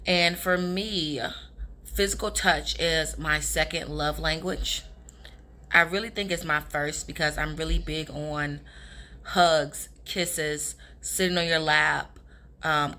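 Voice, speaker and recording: A young woman who gives relationship advice on her vlog talks casually to the camera, chatty and confiding, calling her viewers "girls." Her low-pitched voice is raspy yet bright and forceful, hoarse from talking all day.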